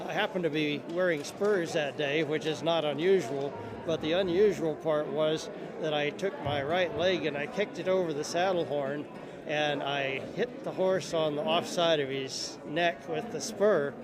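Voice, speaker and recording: A man with a fairly high voice tells a personal story in a plain, measured manner. A busy crowd is clearly audible behind him. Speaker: horseman telling a personal story. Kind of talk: unscripted anecdote.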